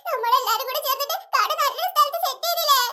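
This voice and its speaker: A woman's voice: very high-pitched, rapid-fire, pushed and bright, a little hiss or hum, heavily acted. A woman voicing a tearful little girl in a cartoon serial, who explains her troubles through sobs. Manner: sobbing while she explains.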